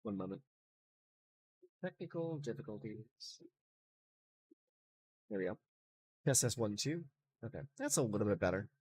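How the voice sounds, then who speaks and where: A chatty man with a lively, bouncing voice thinks aloud through a casual card review. A faulty microphone smears a heavy reverb over every word. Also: lowish voice, normal speed, pauses often.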